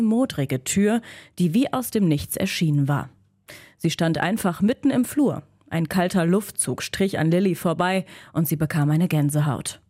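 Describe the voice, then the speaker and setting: A woman narrating a children's story in a steady, suspenseful reading. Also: sits low, no room sound, studio quality.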